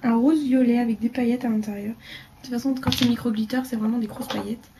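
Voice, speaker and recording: A woman chatting casually through a beauty haul video, rambling with fillers and dropping into quiet asides. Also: fairly high pitch, steady tone, brisk, noisy background. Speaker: beauty vlogger.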